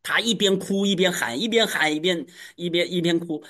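A man preaching to his congregation, telling a personal testimony with animated, emphatic storytelling. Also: high-pitched, normal speed. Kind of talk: testimony sermon.

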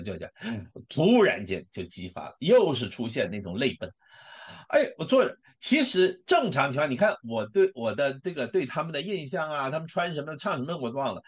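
Animated husky man telling a testimony. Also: on the high side. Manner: emotional, animated storytelling with many fillers. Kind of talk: personal testimony talk.

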